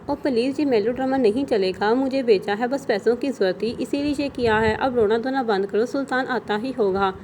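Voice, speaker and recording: A woman's voice: fairly high pitch, hardly any pauses, a little mellow, a little hiss or hum, natural voice. A woman reading the lines of a cold, sarcastic young man who threatens his sister sweetly, in an audio novel. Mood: mocking. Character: cold mocking young man, cruel brother.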